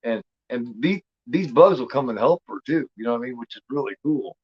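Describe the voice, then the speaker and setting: A man's voice: medium pitch, expressive, a little fast, slightly rough, dry recording, highs cut off. A man of fifty talks casually and rambles, repeating himself with lots of fillers and the odd curse. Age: 50s. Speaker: host. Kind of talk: casual watch-along commentary.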